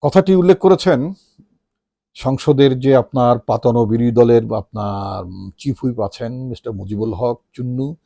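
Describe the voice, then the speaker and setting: A man's voice: medium pitch, moderate pace, vocal fry, mellow, dry recording, studio quality. A middle-aged man with a Bangladeshi Bengali accent giving casual political commentary, talking loosely with fillers and rhetorical questions.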